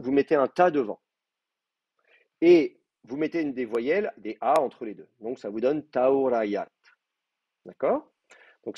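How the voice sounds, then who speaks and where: A man's voice: mid-range voice, mellow, slightly rough, no echo. A man lecturing a class, explaining patiently with many fillers and restarts. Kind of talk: university lecture.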